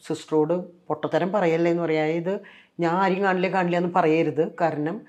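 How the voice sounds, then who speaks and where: An older former nun from Kerala, India, tells her story in an interview with a Malayalam accent, animatedly acting out what other people said and using many fillers. Her voice is lowish and fairly quick, and the highs are cut off.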